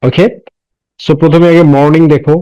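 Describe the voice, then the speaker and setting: A man teaching an English lesson with a Bengali accent. He spells words out and breaks them into syllables slowly. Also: fairly high pitch, little pitch movement, dark tone, smooth, highs cut off. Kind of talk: recorded classroom lesson.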